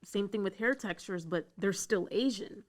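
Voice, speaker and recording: A woman guest on a talk show, making her points clearly and backing them with examples. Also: medium pitch, normal speed. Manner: articulate, builds points with examples. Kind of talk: casual debate talk.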